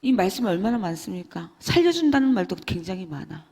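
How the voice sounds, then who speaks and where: A woman giving an emotional church testimony, swinging between loud and hushed. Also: medium pitch, big pitch swings, fast. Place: church hall. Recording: long church hall reverb.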